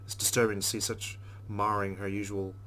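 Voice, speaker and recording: Playing through a visual novel, a man reads the text at a quick clip in a lowish voice, lively in expression and adding offhand remarks along the way. He hosts let's plays, and a little noise lies under the audio.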